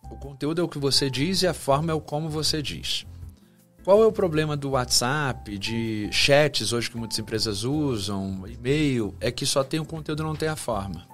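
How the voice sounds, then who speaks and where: A man's voice: mid-range voice, normal speed, soft background music. A man from Brazil, a communication professor, explaining points in a podcast interview and acting out short example phrases.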